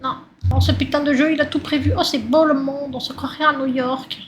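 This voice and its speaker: A woman's voice: sits high, steady tone, brisk. A woman doing casual gameplay commentary, speaking as her baby character in a whiny, crude way and swearing a lot. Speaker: let's play gamer.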